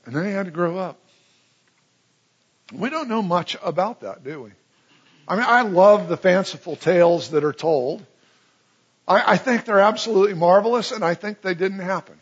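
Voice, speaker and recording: A man preaching a sermon, telling stories with big swings between loud excitement and hushed, low tones. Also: normal speed, long pauses, slightly rough, muffled recording. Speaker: pastor.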